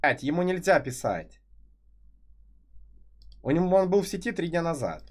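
A man's voice: a little high, very animated, normal speed, slightly rough. A man in his twenties doing casual, profane live reaction chat as a streamer. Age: 20s. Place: small room at a streaming desk.

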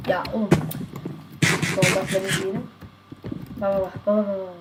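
Young woman, game streamer, excitable, mid-range voice, loud keyboard and mouse clicks behind. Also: medium pitch, heavy background noise. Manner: excitable, quick shouts and laughs. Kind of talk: casual live gaming commentary. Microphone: desk mic picking up mouse and keys. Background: constant typing and mouse clicking.

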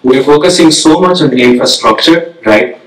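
A man's voice: medium pitch, moderate pace, distant mic. A young man from Nepal, a graduate student, asking a question from the audience in a direct, conversational way. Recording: echoey hall, voice from off-mic.

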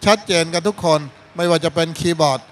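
A man's voice: on the high side, quick pace, slight background noise. A man judging a student band contest, giving fatherly critique and calling the students his kids. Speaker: contest judge.

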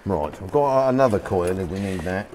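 A man's voice: low voice, animated, moderate pace, darkish tone, a little hiss or hum. A man hosting a car-repair video, chatting and joking as he works in a workshop. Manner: chatty, jokey, thinking aloud. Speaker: channel host. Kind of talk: casual workshop chat. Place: garage workshop.

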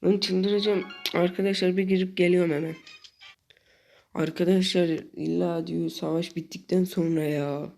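Young guy narrating his game, gets worked up and shouts at it, game music in the back. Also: fairly high pitch, moderate pace, vocal fry. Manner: excitable, frequently exasperated outbursts. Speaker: gaming channel host. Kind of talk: live gameplay commentary.

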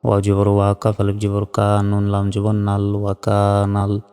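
A man's voice: fairly low pitch, completely flat delivery, unhurried, a little mellow, smooth, big-room sound. A man teaching Quran reading, spelling each letter and syllable aloud and then chanting the joined word.

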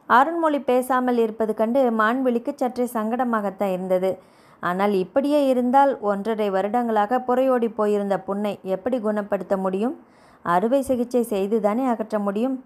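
Woman narrator for a novel audiobook, steady storytelling, fairly high pitch.

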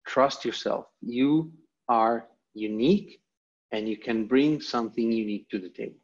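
Over a dull, lo-fi video call, an Italian guest presenter from Italy delivers a motivational online lecture in emphatic, repeated short phrases. His Italian-accented voice is medium in pitch and moves at normal speed.

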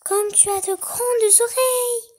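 A woman's voice: very high-pitched, fairly even intonation, slow, a little mellow, voice pushed up. A woman voicing a naive, trusting little girl in a children's storybook reading. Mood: wondering. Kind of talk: storybook read-aloud.

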